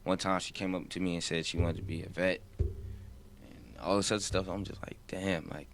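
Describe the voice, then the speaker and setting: Very deep-voiced young New rapper. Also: male voice, steady tone, moderate pace, noisy background. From New Jersey, US. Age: 20s. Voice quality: voice sounds older than his age. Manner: laid-back, rambling, says "you feel what I'm saying". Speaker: rapper guest. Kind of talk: casual interview chat.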